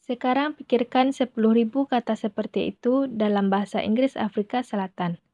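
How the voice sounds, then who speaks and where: A woman reads a translated voice-over steadily in a somewhat high voice. The recording sounds dry and dull, with no room around it. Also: brisk, mellow, dry recording. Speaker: voice-over interpreter.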